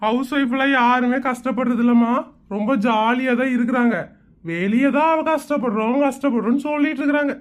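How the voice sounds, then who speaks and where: A woman's voice: high-pitched, brisk, lightly acted. A woman voicing a smug, dismissive middle-aged village husband with a Kongu Tamil accent in a comic cartoon. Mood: scoffing. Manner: scoffing, dismissive.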